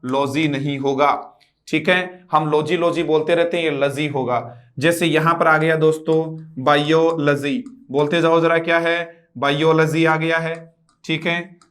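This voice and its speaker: A man with a somewhat high, slightly bright voice teaches an online English class. He spells words letter by letter, has students repeat them, and quizzes listeners with rhetorical questions.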